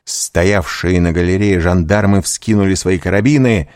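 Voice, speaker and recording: Deep-voiced male narrator for a dramatic novel reading, dry studio sound. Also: fairly even intonation, normal speed, a little mellow, no room sound. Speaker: audiobook narrator. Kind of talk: scripted narration.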